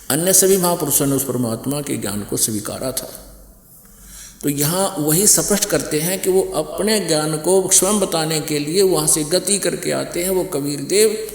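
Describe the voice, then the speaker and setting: A man's voice: fairly high pitch, creaky, darkish tone. Man preaching in an echoey hall. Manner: repetitive, emphatic, cites scripture verse by verse. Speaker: spiritual preacher. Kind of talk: religious discourse. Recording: echoey hall with long reverb.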